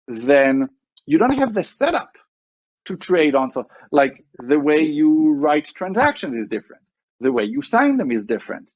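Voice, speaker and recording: A startup CEO with an Israeli accent is interviewed in a conversational podcast, rambling with plenty of fillers and restarts. His medium-pitched voice is a little mellow, and the audio is dull with no echo.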